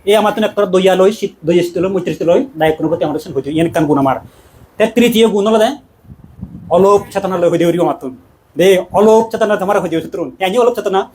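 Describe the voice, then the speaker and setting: A man, a Buddhist monk, giving a dhamma talk in a quick, conversational preaching manner with laughs. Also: high-pitched, darkish tone, slight background noise.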